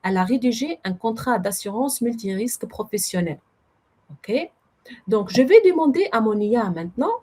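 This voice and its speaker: A woman presenting a webinar with a non-native French accent, walking viewers through a software demo and explaining step by step while typing. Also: fairly high pitch, expressive, normal speed, slight background noise. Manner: explanatory, addresses audience as friends, self-corrects.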